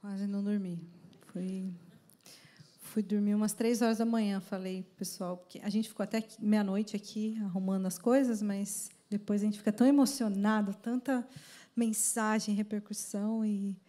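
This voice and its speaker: Wry woman with a mellow, flat voice. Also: mid-range voice, moderate pace. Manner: wry, ironic. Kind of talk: casual chat.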